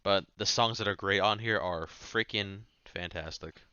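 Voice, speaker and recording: Male music reviewer, deep smooth voice, offhand rambling chat, slightly muffled recording. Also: a little slow, bright, forceful tone, no room sound. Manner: rambling, offhand, swears casually. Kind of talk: casual chat.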